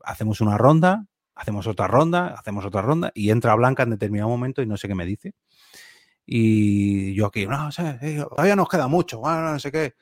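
Middle-aged man, rambling casual chat, hesitant, middle pitch, dry close sound. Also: animated, fairly quick, no room sound. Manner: rambling, hesitant, frequent fillers and restarts. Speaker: guest.

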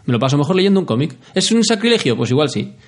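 A man's voice: fairly high pitch, fast talker. A man, co-hosting a podcast in casual chat and telling anecdotes with enthusiasm. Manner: enthusiastic storyteller, animated asides. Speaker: podcast co-host.

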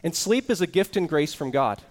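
A man's voice: a little high, lively intonation, normal speed. A man preaching an earnest sermon as pastor, explaining scripture with rising emphasis.

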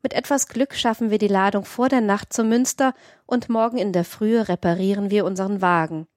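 A woman's voice: medium pitch, a little fast, no room sound, clean studio sound, natural voice. A woman reading aloud and voicing an old, level-headed male carter who leads his crew, in an audiobook excerpt, with a commanding delivery. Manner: commanding, calm instructions.

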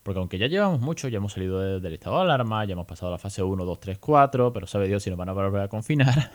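A man with a Spain accent hosts a casual podcast monologue in a fairly low voice. He talks in a lively, chatty way and slips English phrases in between. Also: rapid-fire. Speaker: podcast host.

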